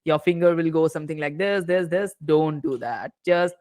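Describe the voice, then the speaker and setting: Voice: mid-range voice, moderate pace, a little mellow, dry recording. A podcast host opening an interview, eager and rambling, with many fillers and restarts.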